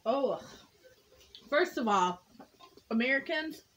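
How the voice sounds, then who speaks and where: A slightly high-voiced woman sits on her living room couch and taste-tests snacks. She gives blunt verdicts and makes joking complaints. A faint hiss runs under the camera sound. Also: expressive, takes it slowly, fairly bright tone, low-quality recording. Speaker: snack box reviewer. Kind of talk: casual taste-test chat.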